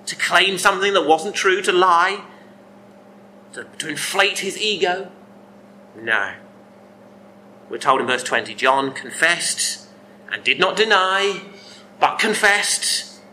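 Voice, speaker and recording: A male preacher gives a sermon in a very bright, sharp voice. His pitch sits a little high, and he speaks with earnest emphasis, often posing rhetorical questions. A faint hiss of noise runs beneath him. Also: rough recording.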